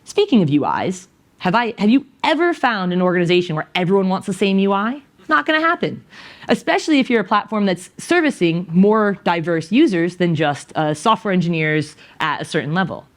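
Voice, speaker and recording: Speaking briskly in a lowish voice, a woman in her thirties delivers a lively, conversational technical talk to a small group in a conference room. She uses a handheld mic, and a distant camera captures it.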